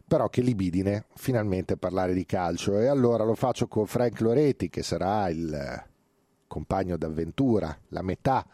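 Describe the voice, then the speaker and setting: Deep-voiced chatty Italian radio sports host. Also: male voice, mellow, dry recording, studio quality. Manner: chatty, digressive, frequent hesitations and fillers. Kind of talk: casual radio sports talk. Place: radio studio.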